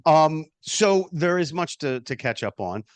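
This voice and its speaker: A man's voice: fairly high pitch, expressive, unhurried, clear, resonant tone, no echo. A man hosting a tennis podcast, chatting with guests in an effusive way and laughing often. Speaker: podcast host. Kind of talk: casual interview chat. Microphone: video call.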